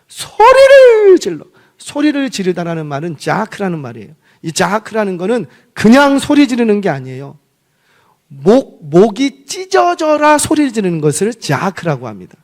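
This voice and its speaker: Male pastor, revival sermon, lively high voice, rhetorical questions and shouting. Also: moderate pace. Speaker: senior pastor. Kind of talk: Friday night revival sermon. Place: church service.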